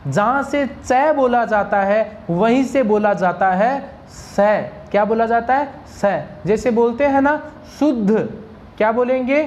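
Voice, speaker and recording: A woman's voice: on the high side, measured pace, darkish tone. A woman teaching Sanskrit pronunciation, drilling single sounds and answering her own questions to the class. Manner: asks questions and answers them herself; drills sounds one at a time. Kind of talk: pronunciation lesson.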